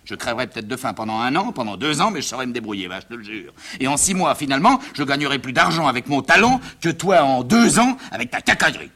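A man's voice: mid-range voice, very animated, fast, hardly any pauses, pushed and bright, pitched above the performer's own voice, exaggerated voice. A man voicing a stagestruck young man in his twenties, defiant and theatrical, in a one-man reading of a stage comedy.

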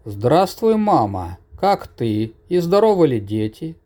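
A man's voice: fairly high pitch, big pitch swings, warm tone, heavily acted. A man voicing a sociable young she-wolf who guides travelers in a storybook. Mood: brisk. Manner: brisk, outgoing.

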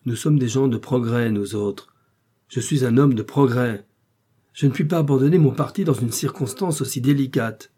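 A man's voice: medium pitch, moderate pace, dark tone, slightly rough, close to an everyday voice. A man reading an audiobook, voicing a fretful, pompous aristocratic husband who speaks in an agitated, peevish way.

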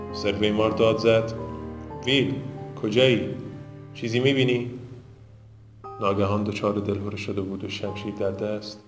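Low, flat-voiced male storyteller. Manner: measured, dramatic storytelling. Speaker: narrator. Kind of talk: scripted audiobook narration. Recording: roomy with background music.

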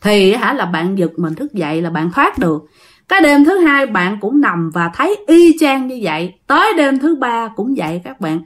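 Woman storyteller, Southern Vietnamese accent, mid-pitched voice; chatty ghost-story host who speaks directly to listeners and drags out repeated words for tension.

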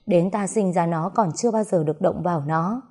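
A woman's voice: fairly low pitch, a little fast, warm tone. A woman voicing a commanding, ruthless noblewoman of a snake clan, mother of its prince.

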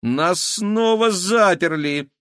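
A man voicing a sharp-tongued teenage girl. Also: medium pitch, very animated, a little slow, slightly rough, voice pushed up. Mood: indignant. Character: quick-witted teenage girl, sharp-tongued twin sister. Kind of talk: audiobook character voice.

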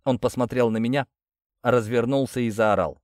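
A man reading a first-person audiobook in a steady, grim storytelling manner. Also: mid-range voice, normal speed, no echo, studio quality. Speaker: audiobook narrator.

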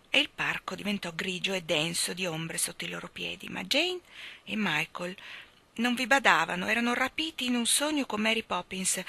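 A woman reading a children's story aloud in an expressive way, often dropping to soft, hushed tones. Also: mid-range voice, creaky. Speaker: reader. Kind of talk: audiobook storytelling.

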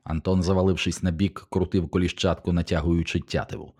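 A man narrating an audiobook in a steady, measured way. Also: low-pitched, slightly rough.

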